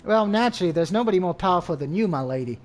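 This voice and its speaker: A man reading the part of a loyal young maid who is quick to take offense. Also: high voice, expressive. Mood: devoted.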